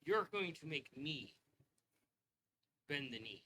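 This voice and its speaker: A man's voice: a little high, big pitch swings, takes it slowly, sharp tone, exaggerated voice. A man voicing a proud female warrior who scoffs at a challenger in a tabletop game. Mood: scornful. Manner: scornful, laughing at her rival. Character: mocking proud woman warrior.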